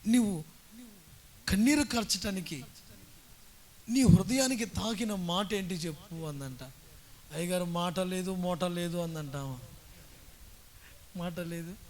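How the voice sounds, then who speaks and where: A man pastor preaching a sermon, telling stories and building up to loud, forceful exhortation. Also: high-pitched, a little slow, long pauses. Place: church worship service.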